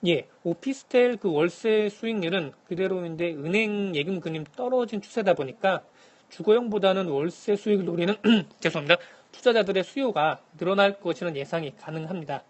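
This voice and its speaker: A man calling in to a radio show as a correspondent, giving a formal, scripted economic briefing in a measured manner. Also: high-pitched, lively intonation. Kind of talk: scripted news briefing, answering by phone. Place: phone link to a radio programme.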